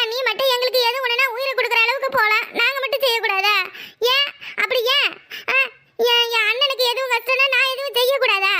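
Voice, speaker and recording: Brief: a coaxing, defensive cartoon sister, Kanyakumari Tamil accent, bright and fast. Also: female voice, very high-pitched. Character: pleading loyal younger sister, young woman. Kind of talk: cartoon voice acting.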